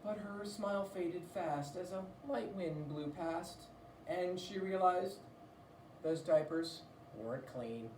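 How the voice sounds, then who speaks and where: Reading a children's storybook aloud, a woman speaks slowly in a darkish voice on the low side. She performs it playfully and theatrically, adding asides to the listener, and the distant mic gives a roomy sound with faint noise.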